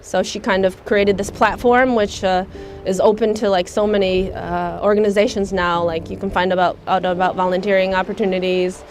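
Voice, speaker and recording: A young American woman, speaking thoughtfully in a documentary interview, often pausing with "um" as she searches for words. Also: mid-range voice, little pitch movement, faint music behind. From United States. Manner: thoughtful, soft-spoken, many hesitations with um. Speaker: volunteer.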